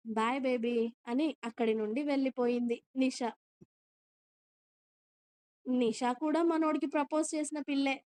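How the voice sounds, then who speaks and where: A woman narrating an audio romance story in a steady storytelling manner. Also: high-pitched, normal speed, pauses often, a little hiss or hum.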